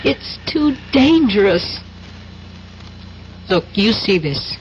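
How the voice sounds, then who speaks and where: Taking it slowly, with big pitch swings in her mid-range voice, an actress voices an earnest double agent in a 1970s radio drama. The femme fatale sounds urgent, insistent and pleading, and the old recording is muffled and noisy.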